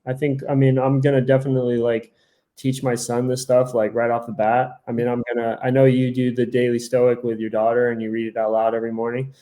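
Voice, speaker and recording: A man's voice: medium pitch, level tone, a little fast, warm tone. A man co-hosting a podcast in casual chat, rambling with lots of "like" and self-corrections, acting out his own thoughts in quoted asides. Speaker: podcast co-host.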